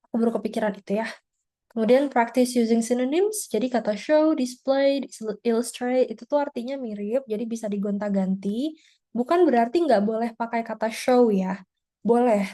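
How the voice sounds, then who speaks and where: A woman teaches an online speaking-test class over a video call. Her voice sits a little high with a warm, mellow tone. She explains step by step in a relaxed, chatty way, tagging her points with small filler words. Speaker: IELTS teacher.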